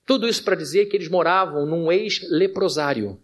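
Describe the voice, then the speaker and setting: Brazilian pastor guy spinning a funny story in church, kinda high voice, calls everyone dear ones. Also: fairly quick. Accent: Brazilian Portuguese. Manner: lively anecdotal, addresses congregation as dear ones. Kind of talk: storytelling sermon.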